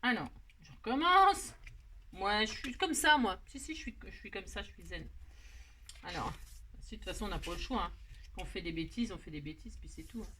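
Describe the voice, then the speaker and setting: A woman's voice: medium pitch, animated, fairly quick, pushed and bright, a little hiss or hum. A woman hosting a card-making tutorial, chatting casually and joking about her own mistakes while she works. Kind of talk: casual self-mocking craft tutorial.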